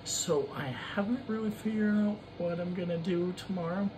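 A man's voice: sits high, fairly even intonation, normal speed, background noise. A man in his twenties chatting casually to a camera in a room at home, recapping as a vlogger. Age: 20s. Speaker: running vlogger.

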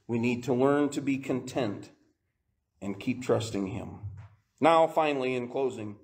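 Taking his time, a male pastor preaches a sermon in which he often laughs. His delivery climbs from hushed, low stretches to rising, emphatic peaks.

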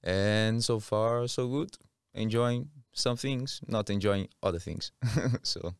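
Speaking slowly in a low, creaky yet smooth voice, a Rio-born man in his thirties with a Brazilian accent gives a casual interview on a podcast. He sits close to a studio mic on a boom arm in a small, curtained studio, and there's no room sound.

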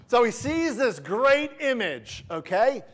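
Guy preaching in church, kinda high voice, loose folksy storytelling. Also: very animated. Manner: folksy storytelling, slows down to read scripture. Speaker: pastor. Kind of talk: casual preaching sermon. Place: church sanctuary.

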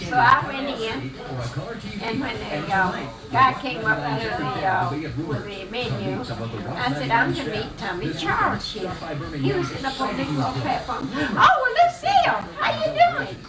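High-voiced old woman on old VHS. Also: big pitch swings, a little slow. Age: 80s. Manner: chatty, retells dialogue with "I said, he said". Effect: old VHS home-video tape sound. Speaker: grandmother telling a story. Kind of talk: casual family storytelling. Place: family home, indoors. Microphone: camcorder microphone across the room. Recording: echoey old VHS tape, voice far from camera, loud music behind.

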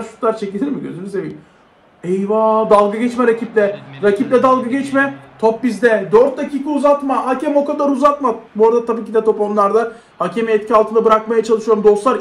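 High-voiced excitable young gaming man. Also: roomy sound. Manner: excitable, shouts at big plays, chats to viewers. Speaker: mobile football gamer. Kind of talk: live gameplay commentary.

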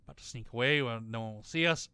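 Guy doing chill gameplay commentary, rambly and jokey, bright voice, dry close mic. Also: mid-range voice, quick pace, clean tone, no room sound. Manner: rambling, joking, swears casually. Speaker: gaming video host. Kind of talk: casual let's-play commentary.

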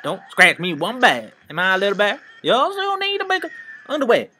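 Picture a conceited old hag of a witch, shrill and far above a normal speaking voice, spitting out rhyming taunts with a sneer. It's a video game villain, as a man puts her on while reading the text aloud. The tone stays bright and cutting. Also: sing-song, a little fast, slight background noise, exaggerated voice. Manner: high, sneering, sing-song rhymes. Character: vain cackling old female witch.

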